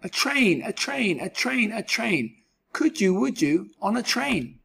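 Male reader as small pushy storybook creature: eager, coaxing, singsong, higher-pitched with a husky edge. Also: very animated, slow pace, bright, forceful tone, exaggerated voice. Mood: excited, insistent. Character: eager, pestering little storybook creature pushing food.

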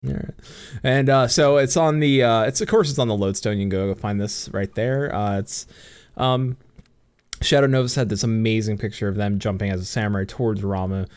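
A young man co-hosts a laid-back gaming podcast over a voice call, speaking through a computer mic. His voice is lowish, brisk and smooth, with no echo. He giggles often, swears freely and fills his speech with fillers.

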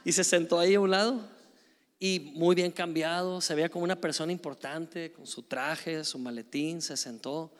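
High-voiced pastor in a hall. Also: male voice, moderate pace. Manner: animated, conversational preaching with tag questions. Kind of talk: sermon with storytelling.

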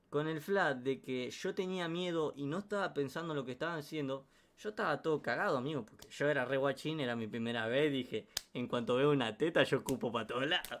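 A man with an Argentine Rioplatense accent telling a comic anecdote in a slangy, animated way, full of sound effects and asides. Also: a little high, slight background noise. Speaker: storyteller.

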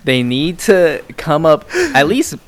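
A man's voice: fairly high pitch, wildly swooping pitch, slow. A man with an American accent chatting casually, blunt, sweary and rambling. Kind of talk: casual chat.

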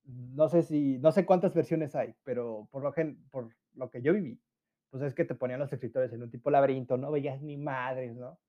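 A man's voice: medium pitch, moderate pace, warm tone, dull audio. A nineteen-year-old man with a Mexican accent, hosting a casual solo podcast, chatty and slangy, laughing often and acting out friends' voices. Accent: Mexican Spanish. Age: late teens. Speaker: podcast host.

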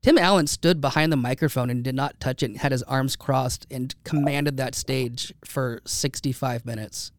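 An American man hosts a podcast in a medium-pitched voice at normal speed, chatting casually with few pauses but many restarts and fillers. It's recorded on a studio microphone with no echo.

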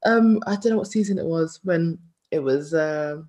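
A woman's voice: low-pitched, normal speed, dark tone. A young woman co-hosting a casual chat, chatty and agreeable, often saying "like" and "literally". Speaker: podcast co-host.

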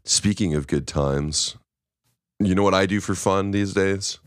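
A young man co-hosting a podcast, easygoing and quick to laugh in casual conversation. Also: low-pitched, clean tone, no room sound, studio quality. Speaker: podcast co-host. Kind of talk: casual chat.

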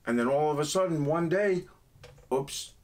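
Here a guest from New York, middle-aged and strongly accented, swaps jokey stories in relaxed conversation. The voice is a touch high and darkish in tone, and he speaks at a moderate pace.

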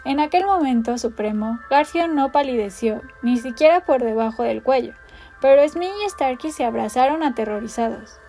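A woman narrating a storybook with an expressive, theatrical delivery. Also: high-pitched, moderate pace, soft background music.

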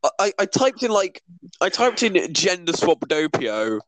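A man with a fairly high voice, recorded close and dry with no room sound. He chats casually as a podcast co-host, laughing and tripping over his words as he restarts sentences. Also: sing-song, measured pace, a bit bright, dry recording, poor audio. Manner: stammering restarts, laughing, joking. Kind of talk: casual chat.

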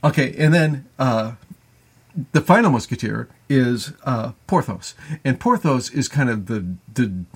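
A man's voice: medium pitch, lively intonation, unhurried, husky. A man co-hosting a podcast, recapping a classic film in casual, rambling talk full of fillers and restarts. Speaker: podcast co-host.

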